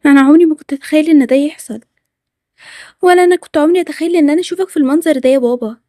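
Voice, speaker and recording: A woman's voice: high-pitched, rapid-fire, mellow, no echo, studio quality, natural voice. A woman with an Egyptian accent voicing an earnest young girl who learns her father is a thief, in a Toca Boca story. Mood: pleading. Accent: Egyptian Arabic.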